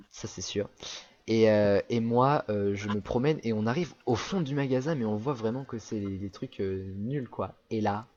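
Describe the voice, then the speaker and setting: A man's voice: lowish voice, dark tone, muffled recording. A young French man rambling through a casual travel anecdote, full of fillers and restarts. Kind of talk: casual storytelling chat.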